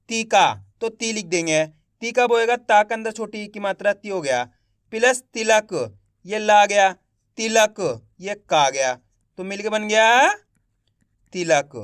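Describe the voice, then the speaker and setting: High-voiced man teaching Hindi spelling. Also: a bit bright, smooth, no room sound, studio quality. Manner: slow, repetitive, spells words out syllable by syllable; quizzes viewers with repeated questions. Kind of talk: Hindi literacy lesson.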